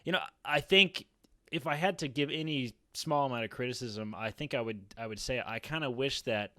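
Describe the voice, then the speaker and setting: A man in his thirties co-hosts a podcast, rambling casually in a roundtable discussion from a small room at home. He is close on a boom-arm studio mic, his mid-range voice pushed and bright at a moderate pace, with no echo.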